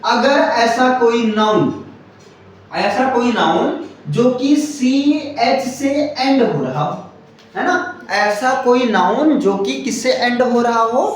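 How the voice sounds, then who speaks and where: A male teacher with a very high, lively voice gives a slow classroom grammar lesson. He repeats his points, spells words out letter by letter, and often checks that students understand while they answer together. The recording is very echoey and distant, with slight background noise.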